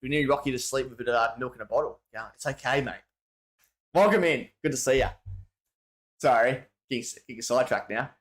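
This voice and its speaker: Talking fast in a mid-range voice, the Australian host of a livestream rambles casually through viewer messages, using lots of slang and often starting over.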